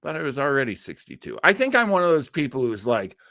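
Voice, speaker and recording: A man in his early sixties hosts a livestreamed classic radio listening show, chatting with viewers in a rambling, casual way full of jokey asides. His medium-pitched voice swoops wildly in pitch, moves fast, and has a fairly bright tone. The studio-quality recording has no echo.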